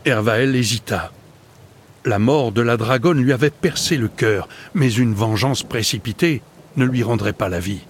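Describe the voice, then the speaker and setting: A man reading a storybook aloud in steady, dramatic audiobook narration. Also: medium pitch, normal speed, a little hiss or hum.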